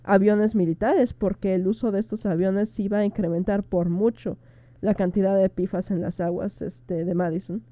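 Mellow-voiced woman radio co-host. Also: medium pitch, steady tone, normal speed, dry recording. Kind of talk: conversational radio talk.

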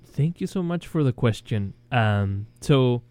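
Chilean male guest, non-native English, slow, clear voice, hesitant. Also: medium pitch, lively intonation, no room sound. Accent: Chilean Spanish. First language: Spanish. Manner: hesitant, many ums and restarts, chuckles softly. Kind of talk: interview, casual chat.

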